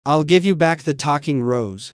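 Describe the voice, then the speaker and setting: A man's voice: fairly high pitch, moderate pace, no room sound, studio quality, lightly acted. A man voicing a poor, frightened father pleading for his life in a storybook tale.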